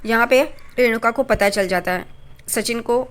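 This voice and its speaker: A woman recaps a TV serial episode in casual spoken form, using a fairly high, clear and resonant voice at a moderate pace. She narrates plainly, restarts herself now and then, and reads lines of dialogue aloud.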